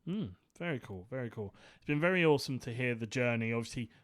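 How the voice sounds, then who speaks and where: A man's voice: mid-range voice, expressive, fast talker, dry recording. A man co-hosting a podcast, interviewing a guest in an encouraging, affirming way. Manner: encouraging, affirming, lots of "yeah". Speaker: podcast co-host.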